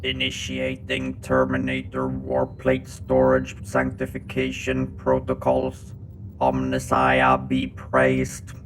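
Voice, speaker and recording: A man voicing a cyborg servitor who speaks in a flat mechanical drone. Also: extremely low pitch, takes it slowly, creaky, a little hiss or hum, voice pushed down, full character voice, low-quality recording. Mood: monotone. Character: grim male cyborg servitor, monotone, mechanical. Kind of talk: audiobook-style story narration.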